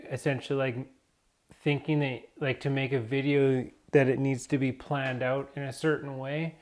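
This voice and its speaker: A man talks off the cuff to his camera in a vlog, circling his thoughts with fillers and restarts. He speaks slowly at an ordinary, middling pitch. A cough from dust sits in his voice. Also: slight background noise. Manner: rambling, hesitant, many fillers and restarts. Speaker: vlogger. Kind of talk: unscripted vlog talk.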